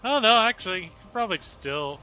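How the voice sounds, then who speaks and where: A man's voice: high-pitched, animated, brisk, pushed and bright, dull audio. A man playing a tabletop game in casual chat, laid-back and laughing often. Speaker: player.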